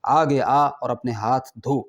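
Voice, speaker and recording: A man's voice: mid-range voice, steady tone, lo-fi sound, natural voice. A man voicing a lavish, mocking rich host who insistently presses food on his guest. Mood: coaxing. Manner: insistent, coaxing.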